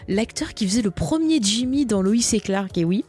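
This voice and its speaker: A woman's voice: mid-range voice, lively intonation, moderate pace, a little mellow, slightly rough, faint music behind. A woman co-hosting a casual podcast, chatty and enthusiastic as she recommends a show. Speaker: podcast co-host. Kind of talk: casual chat.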